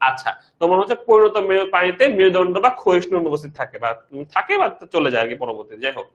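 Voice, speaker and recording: A man's voice: sits high, racing, lo-fi sound. A young man with a Bangladeshi Bengali accent teaching an online biology class. He repeats his points, asks rhetorical questions and talks straight to his students. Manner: addresses students directly, mixing English terms into Bengali.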